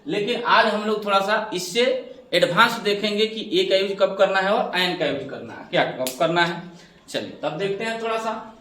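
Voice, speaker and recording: A man with a high, bright and forceful voice teaches an English grammar lesson step by step at normal speed, posing questions and answering them himself while calling his students "babu." The classroom explanation is recorded from a distance in an echoey room, with a little hiss or hum.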